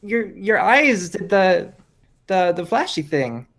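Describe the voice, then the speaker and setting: A man's voice: high voice, big pitch swings, takes it slowly, a bit bright. A man playing a tabletop game, casually narrating and voicing his character in an amused, conversational way. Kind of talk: casual role-play narration.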